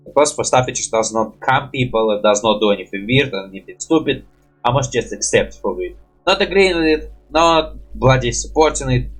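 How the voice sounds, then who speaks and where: A man's voice: fairly low pitch, breathy edge. A man on a headset mic rambling casually in broken English, peppering his talk with "bloody". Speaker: reaction streamer.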